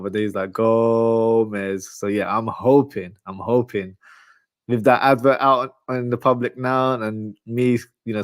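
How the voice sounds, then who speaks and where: A football podcast host from a Pakistani family from Lahore, who speaks Urdu as his first language at home, runs a casual live match preview, chatting informally, reading comments and talking straight to viewers. His voice is on the low side, and the recording is dry.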